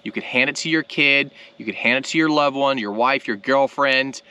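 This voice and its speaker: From his boat on a lake as the sun sets, this fishing host in his thirties gives casual instructional talk about gear to a nearby camera. His mid-range voice is smooth and moderately paced, yet energetic and plain-spoken, with frequent "right?" and "okay?"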